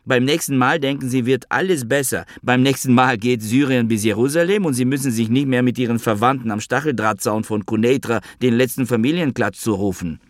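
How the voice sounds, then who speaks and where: A man voicing a bitter, volatile male Druze soldier in an audiobook, shouting crude rants. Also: mid-range voice, expressive, moderate pace, dry recording, clean studio sound, pitched above the performer's own voice, natural voice. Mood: ranting, furious. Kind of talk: audiobook character voice.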